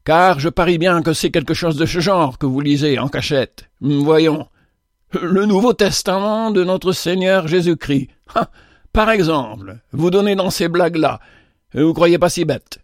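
A man voicing a gruff, bad-tempered middle-aged male boss who scolds and shouts at his staff. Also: a little high, steady tone, moderate pace, hardly any pauses, no echo, clean studio sound, lightly acted.

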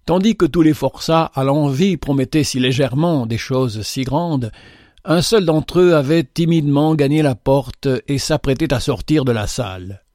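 A man reading a moral tale aloud in a measured, earnest storytelling manner. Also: medium pitch, darkish tone, no echo, clean studio sound. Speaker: narrator.

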